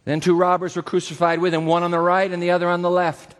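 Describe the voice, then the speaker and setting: A man's voice: high-pitched, monotone, fast. Dramatic male preacher in a reverberant hall. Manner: dramatic, swings from loud to hushed. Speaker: pastor. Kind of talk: sermon.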